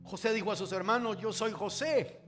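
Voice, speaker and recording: A man preaching a sermon in short phrases, waiting for an interpreter, drawing some words out slowly for emphasis and dropping to a hush at times. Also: high-pitched, faint music behind. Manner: stretches words slowly for emphasis, swings from loud to hushed. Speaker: pastor.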